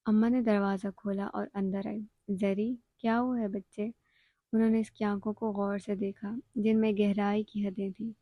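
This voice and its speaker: A woman narrating a novel aloud in a steady, scripted reading. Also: mid-range voice, hardly any pauses, no echo, lo-fi sound.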